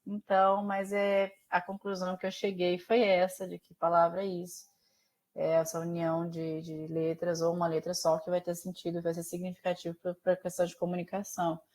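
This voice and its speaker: A woman with a Brazilian accent teaching a Portuguese class over a video call, explaining slowly and often checking in with her students. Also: on the low side, completely flat delivery, darkish tone. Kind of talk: online class lecture.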